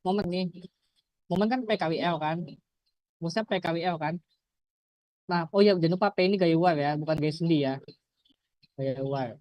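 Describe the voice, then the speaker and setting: A man's voice: on the high side, moderate pace, long pauses, a little mellow, dry recording, poor audio. A young adult man with an Indonesian accent explains things like an informal student tutor. He cannot roll his R cleanly, so it comes out slurred. He repeats himself and keeps asking short rhetorical questions, in a dry-sounding recording with little room sound. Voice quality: slurred R, a speech impediment on the R sound. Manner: repetitive, checking with rhetorical questions.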